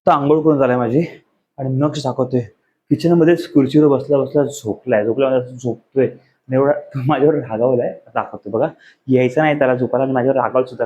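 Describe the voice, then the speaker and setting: A man's voice: mid-range voice, fairly even intonation, fast talker, a little mellow, muffled recording, slight background noise. A man in his thirties, a father talking casually to his vlog camera at home at night. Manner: coaxing, soothing talk to a child. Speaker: vlogger, father.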